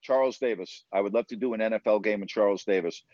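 A New York man in his fifties, a sports broadcaster appearing as an interview guest, talks fast in a fairly low, darkish voice. He tells stories conversationally, earnest and emphatic, repeating words to drive his points home. The recording is dry and dull-sounding.

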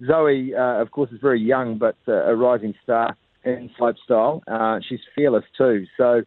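A man calls into a radio show for a live phone cross, reporting in a chatty, conversational way with frequent "uh" fillers. His mid-range voice has fairly even intonation and a moderate pace, coming through a tinny telephone line with no room sound.

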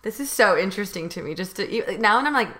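A woman's voice: mid-range voice, lively intonation, fast talker, a crowd in the background. A young American woman hosting a podcast, talking casually with lots of restarts. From United States. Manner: hesitant, many fillers and restarts. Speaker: podcast host. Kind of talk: casual chat.

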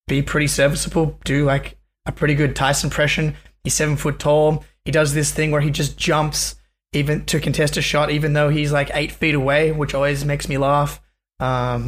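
Higher-voiced guy on a sports pod, rambly, lots of ums. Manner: rambling, apologetic, frequent ums. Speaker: new podcast co-host. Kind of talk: casual sports podcast chat.

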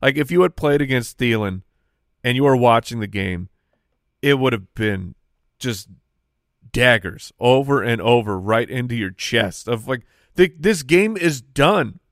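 A man's voice: mid-range voice, animated, a little slow, fairly bright tone, no room sound, clean studio sound. A man co-hosting a fantasy football podcast in casual banter, reeling off player stats. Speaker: podcast co-host. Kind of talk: casual sports chat.

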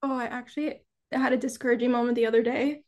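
A young adult woman, a podcast guest, chatting casually and telling lively stories, laughing between them. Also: fairly high pitch, fast talker. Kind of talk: casual chat.

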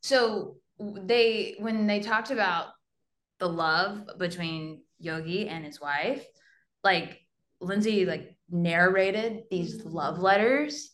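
A woman's voice: medium pitch, slow, fairly bright tone. A woman co-host asking rambling, chatty questions with lots of "like"s. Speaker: podcast co-host. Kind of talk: casual interview chat.

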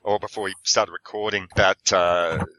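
A man's voice: deep voice, fairly even intonation, normal speed, pushed and bright. A man hosting a podcast and chatting casually about films, rambling with frequent fillers. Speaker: podcast host. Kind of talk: casual film discussion.

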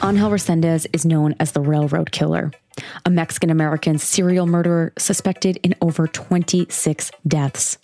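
A woman hosting a podcast, reading scripted true-crime narration in a measured, explanatory way. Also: low-pitched, steady tone, warm tone, soft background music.

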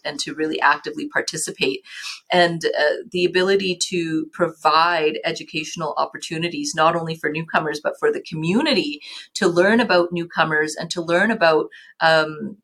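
A woman's voice: low voice, a bit bright. A middle-aged woman, a nonprofit leader, talking earnestly as a podcast guest, often restarting her sentences. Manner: earnest, many restarts and fillers. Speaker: guest, nonprofit chief executive. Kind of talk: casual interview talk.

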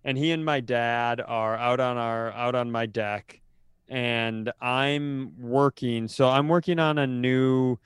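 Recorded dry, a man speaks slowly in a clean-toned, mid-range voice as a podcast co-host. His storytelling is casual and meandering, often interrupting itself, with a dry, self-deprecating sense of humour throughout the comedic chat.

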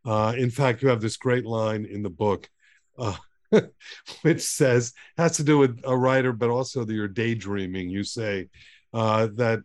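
A man hosts a book podcast, leading his guest with eager, well-framed questions. His voice sits at a plain middle pitch and the recording is dry, with no room sound around it. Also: fairly even intonation, a little slow, no echo. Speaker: podcast host. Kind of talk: interview hosting.

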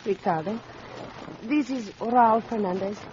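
A woman's voice: a little high, measured pace, warm tone, natural voice. Woman acting cool young lady, lo-fi radio. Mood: cool, guarded. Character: proud young Mexican rancher's daughter, cool and formal. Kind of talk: 1950s radio drama acting. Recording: lo-fi old radio, faint noise.

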